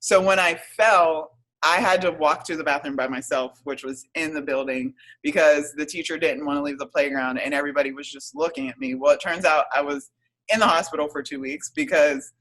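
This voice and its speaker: A woman's voice: low-pitched, a little fast, fairly bright tone, poor audio. Hesitant woman in her thirties. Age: 30s. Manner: hesitant, reflective, many fillers. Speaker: guest. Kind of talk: casual interview storytelling.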